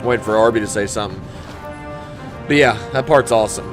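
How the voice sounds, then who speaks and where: Brisk and fairly low-pitched, this male gamer commentator keeps up an enthusiastic, nerdy, laid-back running commentary while he plays, with loud game music and engine sounds behind him.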